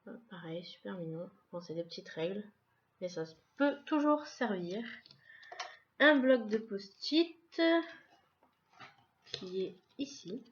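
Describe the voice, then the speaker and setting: A woman's voice: fairly low pitch, animated, normal speed, a little mellow, dull audio. A woman casually presenting a subscription box in a vlog, describing each item one by one in a chatty way. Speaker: vlogger unboxing a subscription box.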